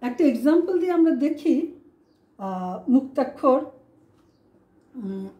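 A woman's voice: on the high side, expressive, measured pace, highs cut off. A woman teacher giving a classroom lesson, asking her students rhetorical questions and spelling words out syllable by syllable. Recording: echoey room.

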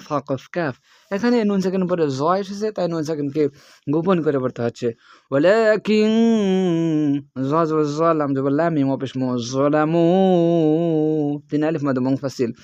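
A man's voice: on the high side, no room sound, lo-fi sound. A man teaching how to read the Quran, spelling each letter and vowel sign in short chanted steps and explaining the reading rules. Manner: slows into drawn-out melodic recitation for the verses. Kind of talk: letter-by-letter spelling lesson with slow recitation.

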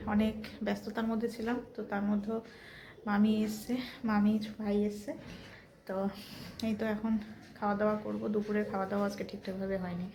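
A woman's voice: mid-range voice, little pitch movement, fairly quick, long pauses, dark tone, slight background noise. A young woman in casual vlog narration at home, chatty and talking to her son in doting baby talk. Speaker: family vlogger. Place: family home.

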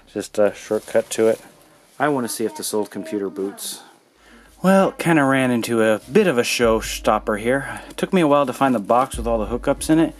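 A man's voice: medium pitch, animated, normal speed. A man narrating a house tour on camera. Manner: curious, upbeat, thinking aloud with fillers. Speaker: vlogger exploring and inspecting an old computer. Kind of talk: casual handheld vlog narration. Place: cluttered indoor rooms of an empty house. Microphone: handheld camera mic.

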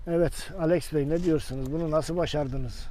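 High-voiced mellow man presenting outdoors. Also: steady tone, moderate pace. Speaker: host and orchard adviser. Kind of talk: casual field presentation and interviewing. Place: outdoors in a walnut orchard. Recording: faint outdoor background noise.

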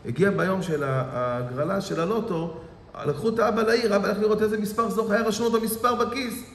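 A man's voice: high-pitched, a little hiss or hum. A man giving a sermon as a rabbi, telling a parable dramatically with lots of repetition. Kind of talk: sermon with storytelling. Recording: echoey hall reverb.

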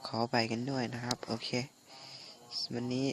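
A man doing casual gameplay commentary in a halting, muttering way, his voice phlegmy from recovering from flu. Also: mid-range voice, little pitch movement, background noise. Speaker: gaming channel host.

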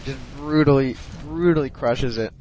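A sleepy, yawning man offers casual commentary on a strategy game replay, hesitating often with plenty of ums and restarts. His voice is medium-pitched at a moderate pace, and the background is noisy.

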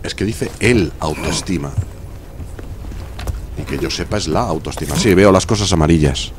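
A man's voice: sits low, animated, moderate pace, background noise. A man with a Spanish accent from Spain, chatting casually while live-streaming a video game, arguing his point and reading out viewer messages. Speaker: gaming streamer.

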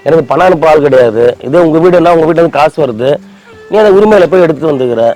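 A man's voice: on the high side, animated, quick pace, a little mellow, soft background music. A man, sulking and complaining in a scripted comedy sketch as a husband. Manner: sulky, whiny complaining.

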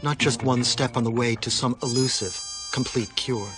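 Measured male documentary narrator. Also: mid-range voice, steady tone. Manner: measured, explanatory. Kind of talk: scripted narration. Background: music.

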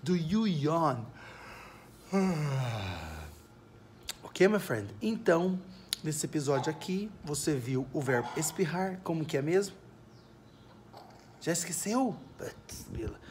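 A Brazilian man giving a casual, playful video lesson in English from his backyard. He says the English examples slowly and clearly. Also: fairly high pitch, big pitch swings, darkish tone, a little hiss or hum. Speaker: English teacher. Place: home backyard, outdoors.

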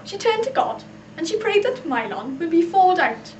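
A woman's voice: extremely high pitch, very animated, moderate pace, lo-fi sound. A young adult woman with a South Wales Valleys accent, presenting an amateur explainer video. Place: small computer room, living room and shopping streets. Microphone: camcorder microphone a few feet away. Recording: roomy echo with clear background noise.

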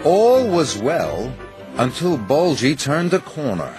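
Slow, very expressive male storyteller. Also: a little high, over music. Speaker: narrator. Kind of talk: storybook narration for children's TV.

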